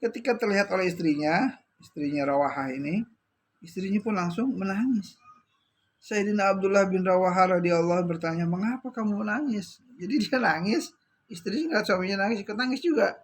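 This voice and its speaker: A man preaching a sermon, telling stories with lively drama and dropping short "ya" tags between phrases. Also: high voice, brisk. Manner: lively storyteller, acting out the characters he tells about.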